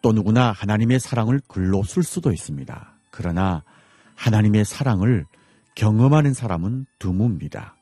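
Low, husky North Korean man hosting radio. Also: expressive, dark tone, no room sound. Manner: formal, earnest, measured preaching delivery. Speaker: radio host and missionary. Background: music.

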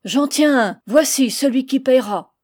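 Old innkeeper woman, woman reading, storybook figure, frantic, pleading, mellow voice, dry. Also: high voice, measured pace, no echo, pitched above the performer's own voice. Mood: triumphant. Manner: pleading, panicked.

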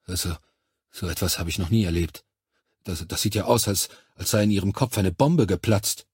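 A man reading a calm, clinical army medic. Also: low-pitched, moderate pace, slightly rough, dry recording, studio quality. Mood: shaken. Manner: clinical, matter-of-fact explaining. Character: composed male army medic examining alien bodies.

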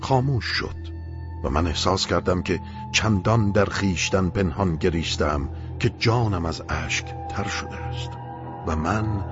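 A man reading a literary audiobook in solemn, measured first-person narration, in a dull, slightly muffled recording. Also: deep voice, over music. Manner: solemn, measured, poetic delivery. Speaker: audiobook reader.

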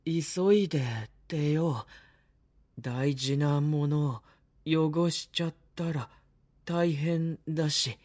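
Slow, softly hesitant young vampire. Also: male voice, a little high, fairly even intonation, a little hiss or hum. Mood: hesitant, uneasy. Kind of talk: intimate Japanese audio drama acting.

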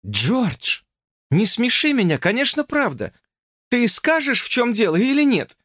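A man's voice: very high voice, huge pitch swings, measured pace, fairly bright tone, no echo, studio quality, voice pushed up, exaggerated voice. A man voicing a teasing, self-assured young woman who speaks in a light, mocking way.

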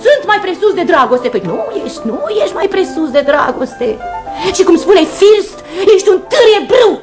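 A woman's voice: very high voice, sing-song, music in the background. An actress playing an emotional, volatile aristocratic lady in a radio play, mocking and anxious by turns. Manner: mocking then pleading, quick mood swings.

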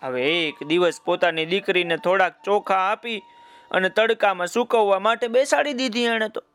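A man narrates a children's folk tale in a lively, folksy manner and often turns to his listeners with chatty asides. His voice is high-pitched and bright. Faint music plays underneath. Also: normal speed. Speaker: storyteller.

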